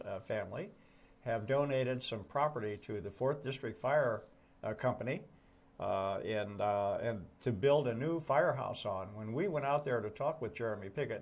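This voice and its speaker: Folksy man hosting a morning show. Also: medium pitch. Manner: folksy, wry joking. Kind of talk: casual co-hosted morning chat.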